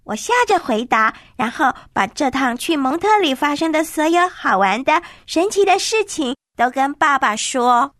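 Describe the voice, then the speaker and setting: A woman reading a children's story aloud in a gentle, expressive way. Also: sits high, moderate pace, few pauses, no room sound, studio quality.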